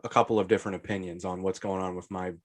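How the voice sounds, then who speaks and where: A podcast co-host in his late thirties, nursing a head cold, speaks bluntly and offhandedly in casual conversation. His voice is low with little pitch movement, and he talks in a rapid-fire way.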